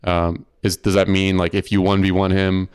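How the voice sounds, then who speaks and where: A man hosting a podcast, relaxed and curious, asking follow-up questions. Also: deep voice, normal speed, clean tone, no echo, studio quality. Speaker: podcast host. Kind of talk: casual interview chat.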